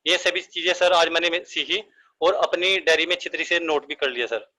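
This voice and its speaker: A man speaks over a phone line, calling in to share what he has learned, polite and full of "sir". His voice is fairly high and bright, with a forceful edge. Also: fairly even intonation, brisk. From northern India. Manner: polite and deferential, says "sir" often. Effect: heard over a phone line with a weak network. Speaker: caller sharing his experience. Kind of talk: casual spoken testimony.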